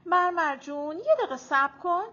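A woman reading an audiobook, voicing a playful young woman who speaks in a high, drawn-out, teasing way. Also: expressive, full character voice. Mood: sing-song. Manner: bright, drawn-out, playful delivery. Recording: dull lo-fi audiobook recording.

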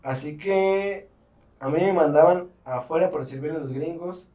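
A man's voice: fairly high pitch, normal speed, warm tone, far from the mic. Crude-talking man in a roomy space. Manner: crude, swearing, storytelling. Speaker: podcast co-host. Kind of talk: casual chat, reading listener stories.

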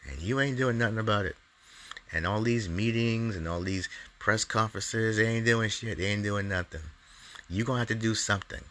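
Deep-voiced man ranting heatedly. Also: moderate pace, a bit bright, slight background noise. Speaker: comedian podcast host. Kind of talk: angry opinion monologue.

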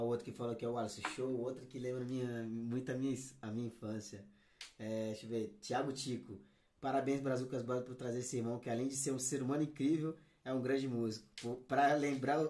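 A man's voice: medium pitch, steady tone, fairly quick, darkish tone. A man from Brazil hosting a podcast, joking and reading out viewer comments in casual chat. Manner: jokey, reads out viewer comments. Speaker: podcast host.

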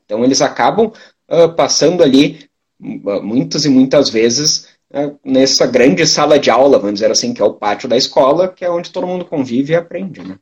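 A man teacher from Brazil answering audience questions in a relaxed, hesitant way, with lots of filler words. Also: medium pitch, husky. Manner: unhurried, hesitant, many fillers. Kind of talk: live educational talk answering questions. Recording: dull lo-fi sound.

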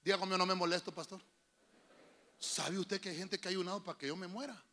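A man with a Honduran Spanish accent preaches as a pastor in a church, telling folksy family stories, calling the listener "hermano," and building to shouted preaching. His voice sits high with a steady tone and a quick pace, in a sermon full of personal anecdotes.

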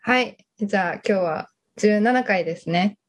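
A woman's voice: mid-range voice, normal speed. A woman co-hosting a podcast in casual chat, agreeing often and wrapping up the episode. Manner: chatty, frequent agreeing backchannels, wraps up the show. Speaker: podcast co-host.

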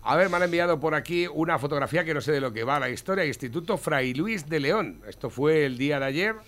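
Blunt Spanish talk show host. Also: male voice, fairly high pitch, expressive, quick pace, a bit bright. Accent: Spain Spanish. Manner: blunt, scornful.

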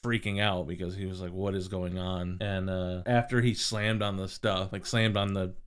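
Low smooth-voiced man telling stories. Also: level tone, normal speed. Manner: rambling, many "like" and "um" fillers. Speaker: podcast co-host. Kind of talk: casual storytelling.

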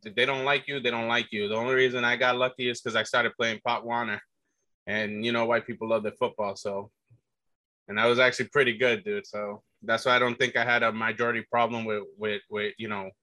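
Speaking a little fast with a flat delivery, a man with a mid-range voice and a sharp tone recounts his youth as a guest in a casual chat. His storytelling wanders, full of fillers and restarts, with "dude" dropped in along the way. The recording is dry.

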